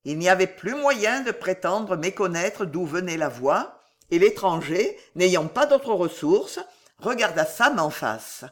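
Expressive audiobook narrator, lively pitch. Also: slow pace. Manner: expressive, dramatic storytelling.

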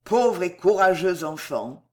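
A narrator voicing a commanding army officer who gives loud, imperious orders, reading a storybook aloud. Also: medium pitch, big pitch swings, measured pace. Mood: grieving. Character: commanding army officer, stern then grieving.

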